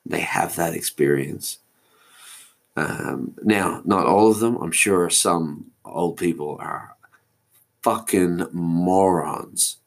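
A man in his forties hosts a solo podcast, musing aloud in a meandering way and often losing his thread. His voice is deep with vocal fry, and he takes it slowly.

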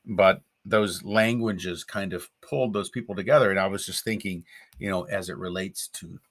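A man's voice: low-pitched, steady tone, normal speed. A man co-hosting a podcast in casual chat, rambling with fillers and chuckles. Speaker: podcast co-host.

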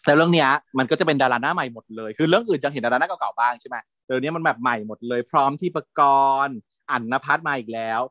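A man co-hosting a casual chat about TV series, animated and gushing as he talks. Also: medium pitch, racing, few pauses, dry recording, clean studio sound. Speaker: podcast co-host.

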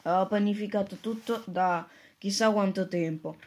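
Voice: mid-range voice, steady tone, moderate pace, a little mellow. A narrator reading a children's book aloud steadily, with small slips. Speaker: audiobook narrator.

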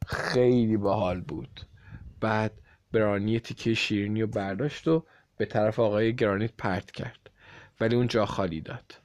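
Low-voiced man reading a children's story. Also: fairly even intonation, a little mellow, no room sound. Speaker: audiobook reader. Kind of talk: storybook narration.

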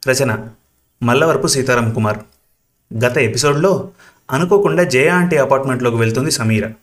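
Male storybook narrator, steady and even, mid pitch, serial audio story. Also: normal speed.

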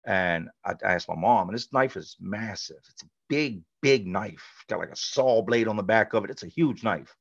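Middle-aged man, deep gravelly voice, blunt conversational storyteller; dull, dry lo-fi sound. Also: animated, moderate pace, hardly any pauses, no echo. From North Carolina, USA. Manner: blunt, conversational, frequent "like" and "you know". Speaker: podcast guest. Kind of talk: candid personal storytelling.

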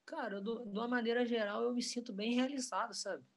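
A man, a professional skateboarder talking in a relaxed, rambling way full of slang. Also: very high voice, fast. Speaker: pro skateboarder guest. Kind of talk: casual interview chat.

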